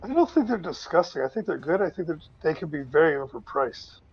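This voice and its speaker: A man's voice: fairly high pitch, brisk, husky. Joking man with dull lo-fi sound. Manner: joking, deadpan one-liners. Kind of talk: casual chat.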